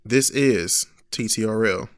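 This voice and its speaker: A man's voice: fairly low pitch, unhurried, no echo, studio quality. A man co-hosting a podcast, joking and bantering in casual talk. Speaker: podcast co-host. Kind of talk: casual chat.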